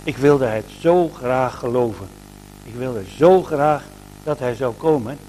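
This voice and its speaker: Gentle, soft-spoken old shoemaker from a storybook, unhurried, read by a man. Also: mid-range voice, slight background noise, natural voice. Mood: sad. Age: older. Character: kind old male shoemaker, gentle and hopeful.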